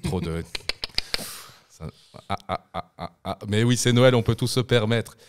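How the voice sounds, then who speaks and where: A man's voice: fairly low pitch, measured pace, very noisy. A young man co-hosting a casual podcast in a studio, joking around and breaking into bits of song. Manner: playful, breaks into snatches of song. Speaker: podcast co-host.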